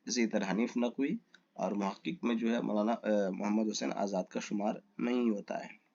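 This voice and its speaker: A man's voice: fairly low pitch, steady tone, gravelly, darkish tone, muffled recording. A man teaching a lesson. He reads exam questions and their options aloud, asks for the right answer and then gives it.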